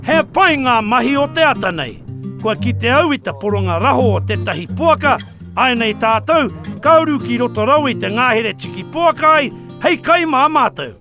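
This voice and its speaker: A man's voice: extremely high pitch, expressive, a little fast, bright, forceful tone. A man delivering spirited documentary narration. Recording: music under the voice.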